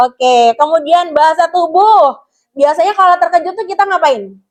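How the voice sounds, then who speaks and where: A woman counselor teaching a guidance lesson to a class of pupils, explaining step by step and asking them questions as she goes. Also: very high voice.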